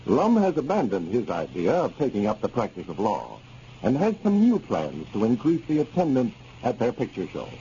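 A man's voice: mid-range voice, huge pitch swings, moderate pace, dark tone. A man with an American accent speaks as an old radio announcer, reading scripted sponsor copy and story introductions in a folksy, hearty way. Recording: dull, faintly noisy old radio recording.

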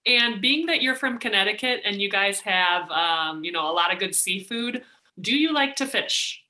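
A woman's voice: mid-range voice, expressive, normal speed, bright, forceful tone. A woman from Minnesota hosting a podcast, chatting casually and laughing easily. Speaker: podcast host. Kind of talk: casual interview and outro.

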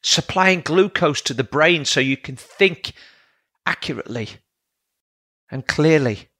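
A man's voice: fairly high pitch, lively intonation, unhurried, bright, forceful tone, dry recording, studio quality. A man, a coach hosting his own podcast, talking through training advice in a plain, lecturing way with frequent "all right?" check-ins. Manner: plain-spoken, lecturing, asks rhetorical checks. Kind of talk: solo podcast monologue.

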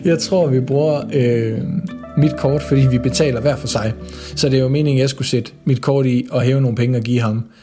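A man's voice: medium pitch, steady tone, over music. A man casually recounting a story about his father, hesitant with many fillers.

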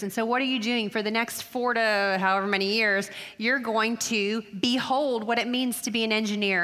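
A middle-aged woman giving an earnest, emphatic talk to college students, slowing down to stress key phrases. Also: fairly high pitch, sharp tone. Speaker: speaker addressing college women. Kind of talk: sermon. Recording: long hall reverb.

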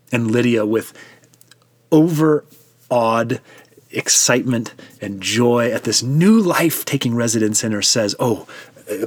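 A male preacher retelling a Bible story as sermon storytelling, unhurried with hushed dramatic pauses. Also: fairly low pitch.

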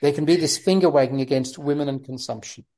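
A woman interviewer talking in a measured, discursive intellectual way, with formal vocabulary and qualifying asides. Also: low voice, dark tone.

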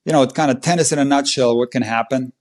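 A man, a tennis coach and podcast guest, tells a match story in an animated, emphatic way. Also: mid-range voice, fast. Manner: animated, emphatic play-by-play retelling. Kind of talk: conversational storytelling.

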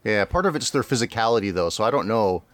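Guy on a podcast, lowish voice, rambly and laughing a lot, dry close sound. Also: animated, fast talker, a bit bright, dry recording. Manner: rambling, laughs often, restarts. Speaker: podcast co-host. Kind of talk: casual podcast chat.

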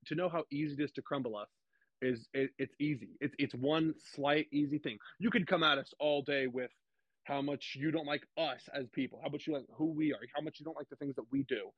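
A young man speaking candidly as a podcast guest, halting and repeating words, emotional about his family. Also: on the high side, breathy edge, no echo, dull audio.

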